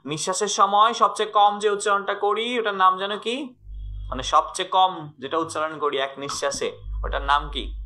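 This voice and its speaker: Bright-voiced man teaching grammar. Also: high-pitched, fairly even intonation, moderate pace. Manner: repeats questions and coaxes students to answer. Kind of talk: live online class.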